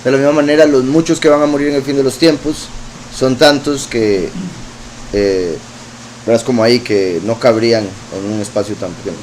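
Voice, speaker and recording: A man's voice: mid-range voice, fairly even intonation, moderate pace, darkish tone, slight background noise, low-quality recording. A man preaching, reading verses aloud and explaining them with frequent asides. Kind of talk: scripture teaching.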